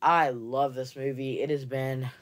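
In this casual haul video, a young vlogger who collects movies talks loosely and fills his speech with fillers, filmed on a camera mic as he sits in a room with shelves of films. His medium-pitched voice is a bit bright and a little slow, with little pitch movement.

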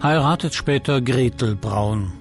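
A man's voice: medium pitch, measured pace. A man reading scripted documentary narration as the narrator of a history film. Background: music.

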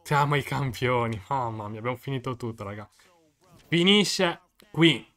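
A man giving excited live commentary on his own football video game match, shouting and repeating himself in disbelief. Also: mid-range voice, normal speed. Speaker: gaming video creator.

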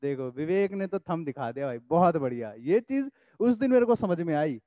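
A young man teaching an online English class, telling a story in an animated, chatty way and dictating sentences slowly. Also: fairly high pitch, dry recording, lo-fi sound.

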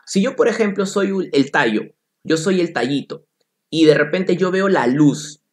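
A man's voice: fairly high pitch, animated, moderate pace. A man teaching an exam-prep biology class in Peruvian Spanish, playful and repeating key points while calling on students.

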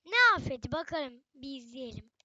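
A woman's voice: high-pitched, moderate pace, pushed and bright, no room sound, dull audio. A young woman giving casual, chatty gameplay commentary, often exclaiming and talking straight to her viewers. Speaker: gaming channel host.

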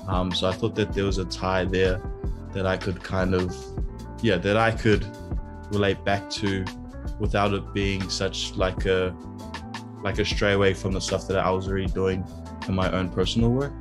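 Deep flat-voiced young man, laid-back. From born in Samoa, raised in South Auckland. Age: 20s. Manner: laid-back, measured, some "um". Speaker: photographer. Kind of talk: casual interview. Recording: music bed underneath.

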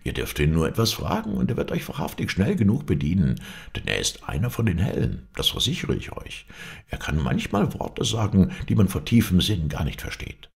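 A man's voice: deep voice, huge pitch swings, brisk, creaky, pitched above the performer's own voice, heavily acted. A man voicing an eager, boastful townsman who keeps pressing his praise. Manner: wheedling, insistent.

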